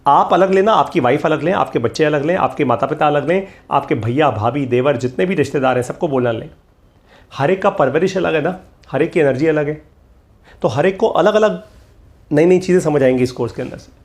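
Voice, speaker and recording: Brisk and fairly high-pitched, a middle-aged man delivers a motivational course. He stays emphatic and repetitive throughout, going back over key lines and sprinkling in English phrases.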